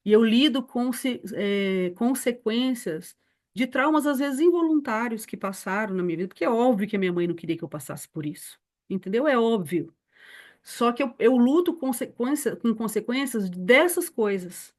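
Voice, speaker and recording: A woman's voice: a little high, expressive, moderate pace, a little mellow. A woman in her forties, a missionary teacher sharing a personal testimony in an earnest storytelling manner. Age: 40s. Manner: earnest, storytelling, addresses listeners as beloved. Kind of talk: personal testimony in a church lesson.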